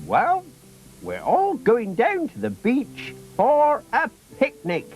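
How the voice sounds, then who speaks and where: A man's voice: very high voice, huge pitch swings, slow pace, faint music behind, voice pushed up, full character voice. A man voicing a feisty, teasing old granny with a rustic, mock-scolding manner in a children's story. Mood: teasing, brisk.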